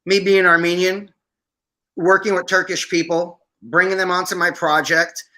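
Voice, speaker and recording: Bright high-voiced man telling stories. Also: normal speed. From Syria. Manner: animated, acts out quoted speech. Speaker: podcast guest, veteran filmmaker. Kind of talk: interview storytelling.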